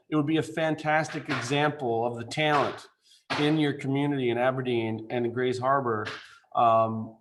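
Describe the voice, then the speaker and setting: Over a video call, a man presents his building design to a council as the architect. His mid-range voice has a bit of brightness, and his delivery is informal and faltering, with lots of fillers and false starts.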